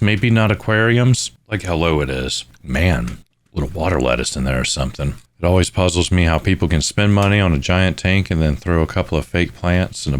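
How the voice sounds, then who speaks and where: A man hosting a fishkeeping channel, reacting to photos in casual, wry commentary full of quick asides. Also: low voice. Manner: wry, joking, thinking aloud with quick asides.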